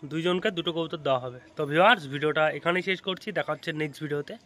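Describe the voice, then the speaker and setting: A man's voice: a little high, very fast, sharp tone. Chatty Bengali-accented man feeding pigeons. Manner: chatty, explaining while feeding birds. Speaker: pigeon keeper vlogger. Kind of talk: casual vlog to camera. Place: outdoors on a rooftop.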